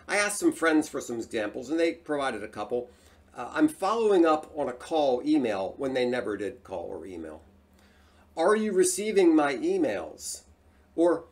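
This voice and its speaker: A man hosting a solo talk, speaking in an animated, emphatic way. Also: medium pitch. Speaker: host.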